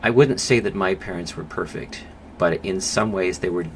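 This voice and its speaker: A man speaking as a psychologist guest on a podcast interview, thoughtful and measured, with pauses and fillers. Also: sits low, a bit bright, poor audio. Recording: clear background noise.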